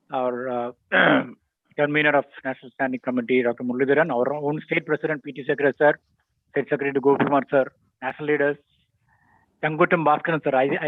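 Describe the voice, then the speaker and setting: A man giving a halting, deferential semi-formal speech of thanks over an online call. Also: fairly high pitch, no echo. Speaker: doctor giving a vote of thanks. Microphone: video call. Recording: tinny, phone-like online call audio.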